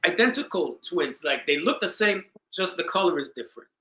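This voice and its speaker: A man with a high, bright voice talks casually and tells stories with lively energy. He acts out the people in his story. The recording has a roomy echo. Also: fairly quick. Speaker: podcast co-host. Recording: echoey room.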